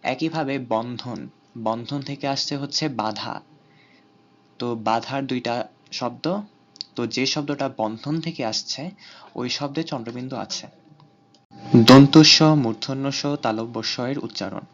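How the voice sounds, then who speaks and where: A man teaching an online grammar lesson in a measured, explanatory way, pausing between terms. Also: mid-range voice, fairly even intonation, fairly bright tone, lo-fi sound.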